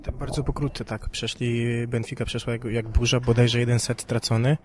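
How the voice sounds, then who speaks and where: Flat-voiced man listing sports details. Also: mid-range voice, normal speed, noisy background. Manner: detailed, runs through players and results. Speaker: podcast co-host. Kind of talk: casual sports podcast discussion.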